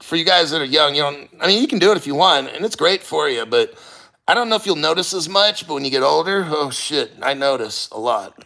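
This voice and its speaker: Casual livestream host, male, middle-aged, slightly high voice with a sharp forceful edge, loose-tongued and prone to swearing. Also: expressive, vocal fry, poor audio. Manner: rambling, profane, halting. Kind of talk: casual livestream chat, reading viewer comments.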